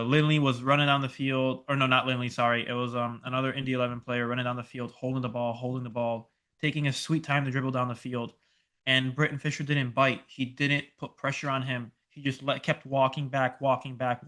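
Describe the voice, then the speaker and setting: A young man co-hosting a soccer podcast, recapping a match in casual, animated talk with swearing and lots of fillers. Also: medium pitch. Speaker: podcast co-host.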